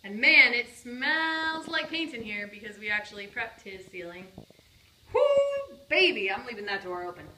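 Her slightly high voice swinging widely in pitch at a normal speed, a playful, chatty woman in her thirties vlogs a tour of her empty new house indoors. She holds a phone camera at arm's length, and the echoey empty rooms pick up background noise.

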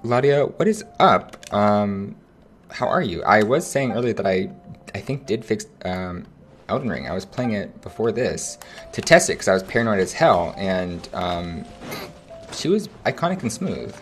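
A young man streaming a game, chatting casually with viewers in an animated, slangy way. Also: fairly low pitch, normal speed, faint music behind. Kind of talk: casual livestream chat.

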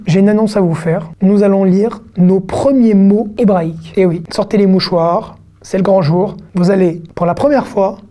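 A woman giving an online Hebrew reading lesson, patient and encouraging, spelling out syllables slowly for beginners. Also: mid-range voice, mellow. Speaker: Hebrew teacher.

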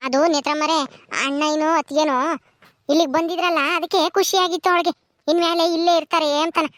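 A woman's voice: very high-pitched, steady tone, fast, fairly bright tone. A woman voicing a mild, respectful woman in a cartoon, explaining earnestly.

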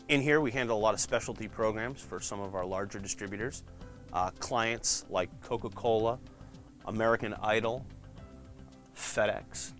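A man giving a casual tour of a print shop's department, explaining products with frequent fillers. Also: on the low side. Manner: relaxed, frequent "uh" fillers, explains while flipping through shirts. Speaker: print shop department guide. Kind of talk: casual walkthrough showing products.

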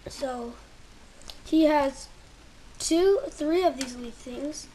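In a low-quality recording from a handheld camera held close, a woman with a high, mellow voice reviews toys at home. She speaks haltingly, searching for words, and at times almost whispers as she handles pieces, with slight background noise.

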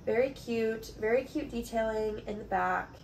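Here the allergy-congested woman in her twenties has a fairly high, darkish voice with vocal fry, talking at a normal speed. It's a casual bedroom haul chat recorded on a phone camera at arm's length or more, so the quality is low and background noise stands out.

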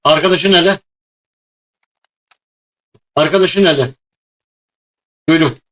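A man hosting a gaming video, chatting excitedly and shouting at times as he plays a mobile battle game. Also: a little high, slow. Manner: loud, excitable, shouts during play.

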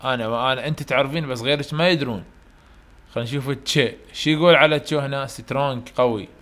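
A man with an Iraqi Arabic accent gives a university English lecture, reading English questions slowly and explaining them in Arabic. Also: medium pitch, fairly bright tone. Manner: asks students questions and answers them himself. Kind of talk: online lecture.

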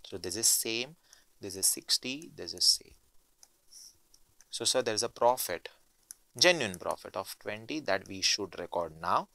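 Bright-voiced young Indian teacher mixing Hindi and English. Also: male voice, lowish voice, lively intonation, measured pace, gravelly, long pauses, dry recording. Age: young adult. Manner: mixes Hindi and English mid-sentence; repeats key phrases for emphasis. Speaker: accounting teacher. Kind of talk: instructional lecture working through problems.

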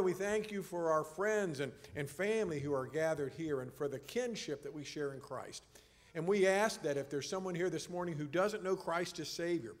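A man leading a church service, welcoming the congregation and praying in an earnest, measured, formal way. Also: fairly high pitch. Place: church sanctuary. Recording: long church reverb.

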